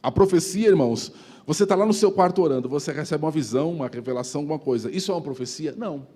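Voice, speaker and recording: A man's voice: fairly high pitch, expressive, racing, mellow. A pastor preaching a sermon in a teaching tone, often addressing his listeners as brothers and asking "ok?".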